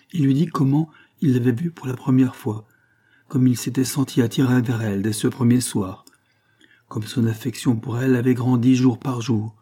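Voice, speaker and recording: A man reading a nineteenth-century novel aloud, in measured literary narration. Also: mid-range voice, warm tone, breathy edge. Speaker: audiobook reader.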